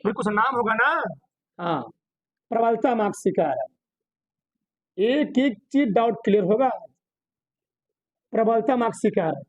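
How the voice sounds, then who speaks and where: This is a classroom chemistry lecture in Hindi from a man whose voice is extremely high in pitch, with no room sound on the recording. He repeatedly asks his students questions, then answers them on his own, repeating important terms to drive them home.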